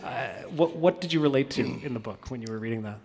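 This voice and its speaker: A man's voice: mid-range voice, fast, a little mellow, big-room sound. Man, host, book discussion, probing follow-up questions.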